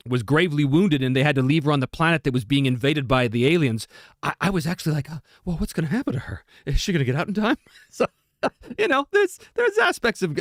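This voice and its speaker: A man's voice: fairly high pitch, dry recording, clean studio sound. A man hosting a live stream, chatting casually and reading out viewer comments, often laughing and restarting his sentences.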